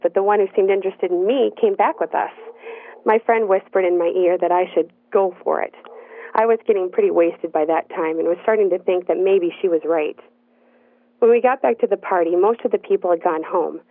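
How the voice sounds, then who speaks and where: A woman telling a personal story in the first person, in an earnest, measured narrating voice. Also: medium pitch, no room sound. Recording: dry, tinny phone-like sound.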